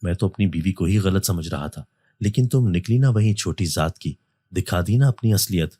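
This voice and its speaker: A man's voice: deep voice, animated, warm tone, breathy edge, dry recording, studio quality. A man voicing a stern young master of a house who scorns the maid. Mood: scornful.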